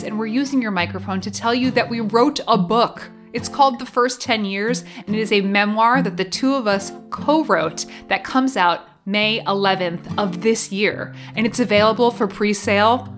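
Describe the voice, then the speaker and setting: A podcast co-presenter, live show MC and author chats casually and promotionally from her home basement, with guitar music playing behind her. She has a mid-range voice, speaks at a moderate pace with hardly any pauses, and comes across as playful and wry.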